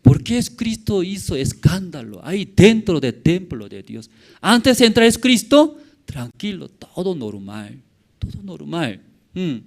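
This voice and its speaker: A man preaching a sermon as pastor, with halting phrasing and many questions to the congregation, swinging from loud exclamations to quiet murmurs. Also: high voice, big pitch swings, creaky. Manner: asks the congregation frequent rhetorical questions.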